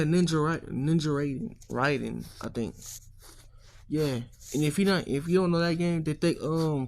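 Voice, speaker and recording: A man's voice: a little high, darkish tone. A man narrating a fan-made what-if story in a rambling, slangy, profane way, often losing track of his words. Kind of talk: casual improvised storytelling.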